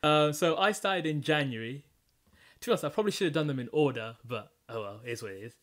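A man hosting a casual podcast chat, calmly talking through his own rap songs and what he learned, often restarting his sentences. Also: fast. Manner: low-key, reflective explaining with frequent restarts.

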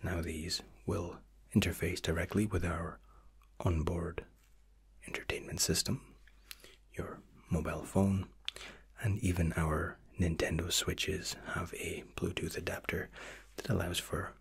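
Whispered role-play: man as formal, reassuring flight attendant, low-pitched, unhurried, close-miked. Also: little pitch movement, gravelly, breathy edge, exaggerated voice. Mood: soothing, attentive. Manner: flight attendant's formal, soothing service patter.

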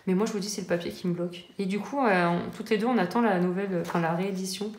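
A woman in her thirties chats about her coloring books at home. She talks casually, with frequent fillers and restarts, at a middling pitch. The room echoes around her, with a faint hiss underneath. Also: fairly even intonation, fast. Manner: chatty, hesitant, many fillers and restarts. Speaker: coloring-book vlogger. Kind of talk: casual chat showing her book collection.

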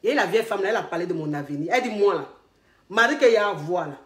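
A woman with an Ivorian French accent, working as a relationship coach, telling comic stories. She is expressive, repeats herself, laughs often and acts out the dialogue. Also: medium pitch, rapid-fire. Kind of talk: animated comic storytelling. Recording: echoey room.

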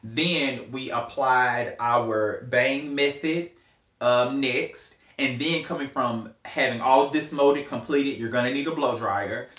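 A man's voice: mid-range voice, slow, a bit bright. A man, chatting casually as a hair stylist vlogger, rambling with playful asides. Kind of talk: casual hair tutorial chat. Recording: roomy with faint hum.

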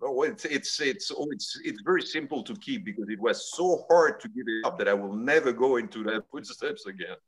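A middle-aged man from Belgium, a guest telling stories in a relaxed way over a video call from his home study. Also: medium pitch, fairly quick, hardly any pauses, slightly rough, rough recording. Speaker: guest, cigar company executive.

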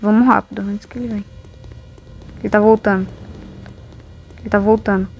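A woman's voice: medium pitch, steady tone, normal speed, vocal fry, a little mellow, soft background music, poor audio. A woman with a Brazilian accent giving casual, exclamatory, complaining commentary as a gamer playing along.

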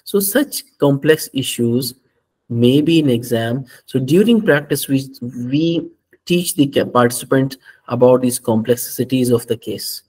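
A man giving an orientation lecture for a medical exam course, speaking in a measured, explanatory way with slightly non-native phrasing. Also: medium pitch, expressive, darkish tone, slightly rough, poor audio.

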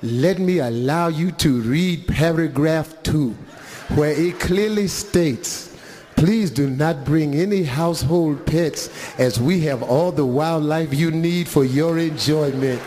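A man doing a smooth, calm hotel manager. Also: on the high side, slow, voice pushed down. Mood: formal. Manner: smooth, unbothered, formal.

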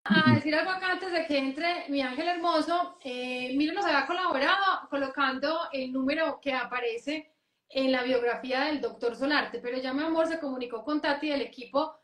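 Brief: Colombian woman host, high-pitched and enthusiastic, roomy live-stream sound. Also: normal speed, a bit bright. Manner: enthusiastic, affectionate.

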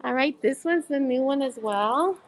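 A woman in her fifties hosting a chatty live shopping stream from inside a store, gushing and excitable, laughing often and greeting viewers by name. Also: high voice, normal speed, a crowd in the background, poor audio. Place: indoor retail shop.

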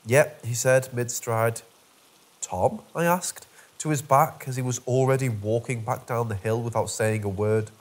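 A man reads a first-person horror story aloud with wry, dark humour. His voice is husky and sits at a middle pitch. The delivery is scripted and steady. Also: moderate pace, hardly any pauses.

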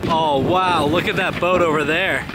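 A man's voice: fairly high pitch, steady tone. Young male vlog host, chatty and upbeat on deck, camera close, heavy wind noise. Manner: upbeat, chatty, with quick asides. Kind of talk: casual narration to camera. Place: outdoors on a small sailboat. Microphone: handheld action camera close to the face. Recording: loud wind and water noise.

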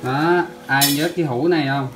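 A casual vlogger with a southern Vietnamese accent speaks to his viewers in a familiar, chatty way. His voice is on the high side, steady and at a normal speed, with music clearly audible behind him.

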